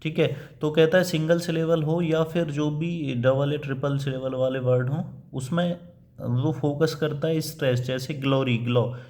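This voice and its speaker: A man's voice: on the high side, steady tone, darkish tone. Man lecturing on poetry. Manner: explains step by step, with frequent filler pauses; reads quoted English lines slowly and deliberately. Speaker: assistant professor teaching English poetry. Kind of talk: classroom-style lecture.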